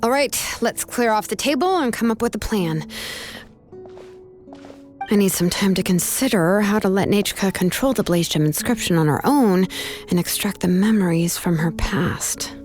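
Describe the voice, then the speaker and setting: Woman playing assured young craftswoman, medium pitch, lively intonation, practical, kind, game dialogue, faint music. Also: normal speed, close to an everyday voice. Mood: casual, resolute. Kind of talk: video game voice acting.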